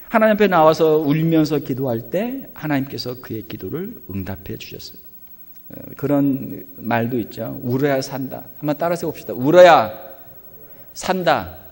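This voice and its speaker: A man's voice: on the high side, darkish tone. A male pastor preaching a sermon in a conversational style, full of rhetorical questions. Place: church sanctuary. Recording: reverberant church hall.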